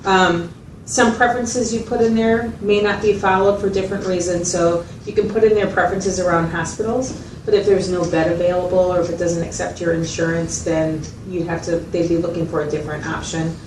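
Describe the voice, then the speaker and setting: A woman in a role-played consultation portrays a patient mental health facilitator who goes through things step by step and checks understanding. Her natural voice sits on the low side with a steady tone, and she speaks fairly quickly with few pauses. The recording is roomy and noisy, captured by a distant mic.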